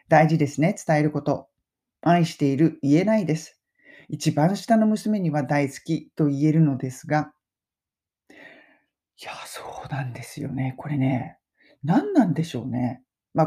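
A middle-aged woman with a low, dark, mellow voice gives a relaxed pronunciation lesson. She speaks, and her pitch rises and falls in a lively way as she chats. She slows right down to model English phrases for repetition. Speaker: English pronunciation teacher and podcast host. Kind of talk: casual spoken lesson.

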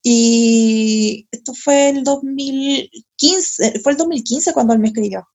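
Young adult woman, Chilean Spanish accent, slightly high voice, casual and profane storytelling host. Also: takes it slowly. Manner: animated, slangy and profane, laughing often. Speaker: podcast host.

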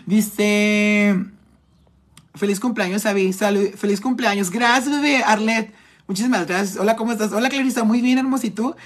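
Chatty husky-voiced northern Mexican man. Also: sits high, steady tone, moderate pace. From Tijuana, Mexico. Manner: chatty, flamboyant and teasing. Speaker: makeup artist live streaming. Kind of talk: casual live-stream chat reading comments.

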